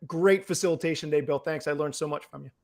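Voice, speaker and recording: A man's voice: a little high, quick pace, gravelly. A man who is a guest speaker, giving upbeat, punchy closing thoughts in a casual way.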